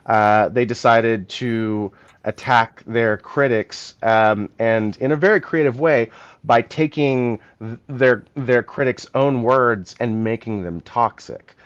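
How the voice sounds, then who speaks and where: A man's voice: mid-range voice, slow, highs cut off. A man co-hosting a podcast, talking through a political topic in long, thinking-aloud explanations in a casual chat. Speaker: podcast co-host.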